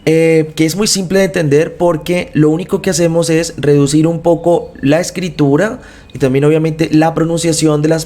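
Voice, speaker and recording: A man, explaining English grammar step by step and slowly drawing out each English example phrase. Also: a little high, a little mellow. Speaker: English teacher. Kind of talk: bilingual grammar lesson.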